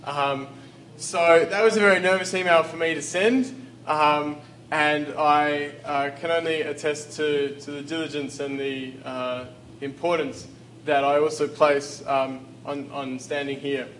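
An Australian man preaches a sermon as a visiting guest in a church sanctuary, hesitant and full of fillers and restarts before reading scripture aloud. His fairly high, slightly bright voice is flat and a little slow. The audio, from a handheld or stand mic, is poor with slight background noise.

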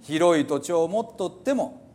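A man's voice: fairly high pitch, lively intonation, moderate pace, darkish tone, pitched above the performer's own voice, natural voice. A man reading scripture aloud as a stern old psalmist, declaiming in an old Hiroshima dialect. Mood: solemn warning. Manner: emphatic, declaiming. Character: stern old male psalmist preaching mortality.

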